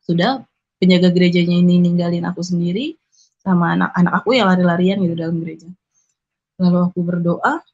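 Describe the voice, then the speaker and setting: A woman's voice: fairly low pitch, quick pace, darkish tone. A young woman earnestly telling her personal conversion testimony, acting out the people she met. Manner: earnest, emotional retelling with quoted dialogue. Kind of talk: personal testimony, casual storytelling. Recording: dull lo-fi recording.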